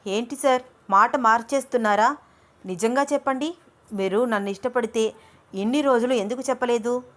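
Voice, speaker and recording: A woman's voice: fairly high pitch, normal speed, voice pushed up, natural voice. A woman voicing a touchy young female student in a read-aloud audio story, indignant and accusing.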